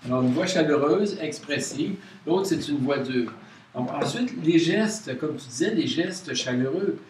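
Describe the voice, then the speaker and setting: A man with a Quebec French accent leads an informal workshop, talking to a small group in a halting way full of hesitations and restarts. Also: on the high side, animated, a little mellow. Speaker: workshop leader. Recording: roomy, distant mic with faint noise.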